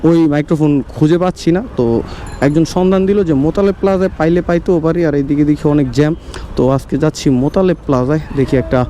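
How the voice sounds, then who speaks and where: Fast-talking Bangladeshi man over road noise. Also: fairly high pitch, dark tone. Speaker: motorcycle vlogger. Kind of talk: casual motovlog commentary. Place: outdoors, riding a motorbike on city roads. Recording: clear road and traffic noise.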